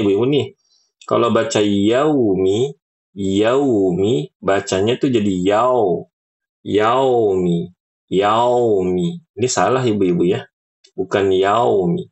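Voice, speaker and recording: A man teaching Quran recitation in an online class, patiently correcting students and demonstrating words slowly and drawn out. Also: lowish voice, creaky.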